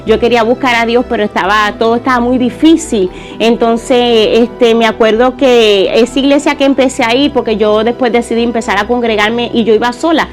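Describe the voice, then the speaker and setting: A woman's voice: fairly high pitch, fairly even intonation, brisk, hardly any pauses, soft background music. Earnest woman giving a church testimony. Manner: earnest, conversational, with fillers.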